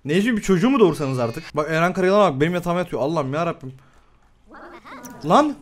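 A young man giving excitable live commentary on a game, swearing often and laughing a lot. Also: fairly high pitch. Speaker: gameplay streamer.

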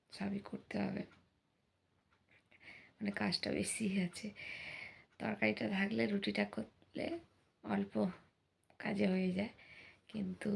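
A woman's voice: medium pitch, gravelly, breathy edge. A woman in her thirties chatting casually to viewers as friends while doing chores in her home kitchen, recorded on a phone. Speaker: home vlogger. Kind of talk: casual home vlog narration.

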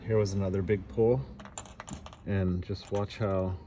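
Slow, deep-voiced man explaining a repair. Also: slight background noise. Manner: relaxed, explanatory, talks between tasks. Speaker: dent repair technician. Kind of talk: casual how-to narration while working. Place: outdoors in a parking lot beside a car.

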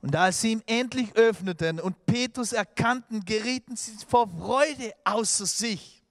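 With a high voice and a measured pace, a male pastor delivers a church sermon. His storytelling is lively, full of acted-out quotes, restarts, and filler sounds.

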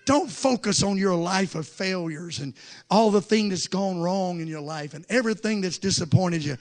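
High-voiced gravelly preacher man, impassioned. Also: normal speed. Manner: impassioned, building to shouts with repeated refrains. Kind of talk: revival sermon. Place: church service before a congregation.

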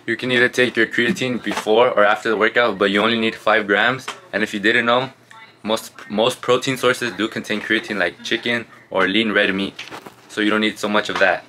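A man's voice: lowish voice, fairly even intonation, moderate pace, pushed and bright. A young man, chatting casually to camera as a fitness vlogger. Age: young adult. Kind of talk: casual vlog chat to camera. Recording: noisy vlog audio with ambient noise.

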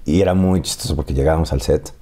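A Mexican man in his thirties, an actor telling animated stories and laughing often in a casual interview. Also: extremely low pitch, fast talker. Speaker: actor guest.

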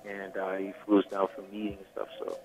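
Here the recording is rough: a low, monotone, fast male voice belonging to a young Swede whose first language is Swedish. Appearing as a singer on a radio interview, he talks casually and keeps saying "you know."

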